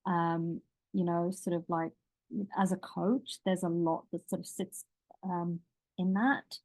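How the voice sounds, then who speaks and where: A woman's voice: fairly low pitch, steady tone, takes it slowly, darkish tone. A woman leadership coach teaching a live online workshop in a loose, chatty, rambling way that keeps starting over.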